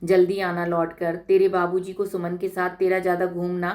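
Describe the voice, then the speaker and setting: A woman voicing a cautious village mother who hushes and warns, in a read-aloud story. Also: lowish voice, monotone, moderate pace, lightly acted. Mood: hushed. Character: stern-minded village mother, hushing and hurried.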